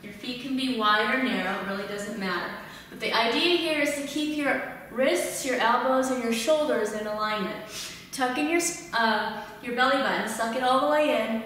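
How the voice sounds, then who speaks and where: A woman in her thirties, a fitness instructor, calmly cueing breathing and form while demonstrating exercises in a large tiled living room. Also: a little high, normal speed, a little hiss or hum. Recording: echoey room from far off.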